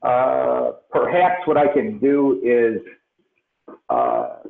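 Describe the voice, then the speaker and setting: A man gives a formal presentation over a remote call, his voice echoing as if from inside a tunnel or underwater. The line is tinny and phone-like, with a hollow roomy ring. He speaks hesitantly, filling pauses with frequent "uh"s. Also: mid-range voice, wildly swooping pitch, gravelly. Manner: hesitant, many filler pauses. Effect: echoing tunnel sound, as if underwater. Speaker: presenter at a meeting. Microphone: remote call from a computer. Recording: echoey tinny video-call audio.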